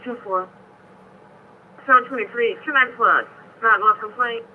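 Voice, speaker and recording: A man's voice: very high-pitched, moderate pace. An American man giving police radio dispatch messages over a two-way radio. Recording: tinny, noisy police scanner radio.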